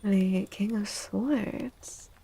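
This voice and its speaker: A woman streamer gives a soft-spoken ASMR tarot reading at medium pitch, gentle and unhurried, pausing between phrases and frequently dropping into a breathy whisper. The recording quality is low.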